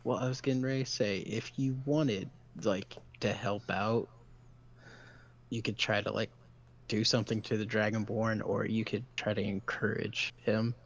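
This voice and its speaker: A man's voice: lowish voice, fairly even intonation, moderate pace, dull audio. A man acting as game master of a tabletop game, explaining rules in an easygoing way with lots of fillers. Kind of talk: running a tabletop game, casual. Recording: faint room noise.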